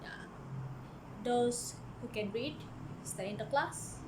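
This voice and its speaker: In a church office, a young Malaysian book vlogger tells a personal story in a casual vlog, her voice a little high. She goes slowly, earnest and hesitant, often stopping to restart a sentence, with clear background noise beneath her.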